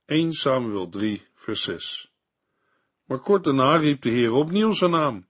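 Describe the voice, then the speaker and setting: A man reading a scripted Bible commentary in a measured, didactic way. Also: medium pitch, expressive, a bit bright, breathy edge. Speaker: Bible teacher.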